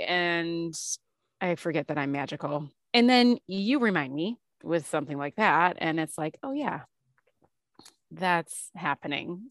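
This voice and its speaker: A woman's voice: low voice, no room sound, studio quality. A woman hosting a podcast in casual chat, playful and joking, laughing often. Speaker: podcast host.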